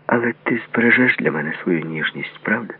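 A man's voice: on the low side, lively intonation, a little fast, breathy edge, pitched above the performer's own voice. Constance, a man doing a pleading young woman. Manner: soft pleading delivery. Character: pleading young woman lover, anxious and tender. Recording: tinny phone-like lo-fi audio.

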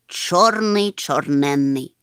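A woman's voice: low voice, slow pace, fairly bright tone, clean tone, no room sound, studio quality. A woman voicing a small, fussy, timid male creature in a storybook reading, with a whiny, hesitant manner. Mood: boastful.

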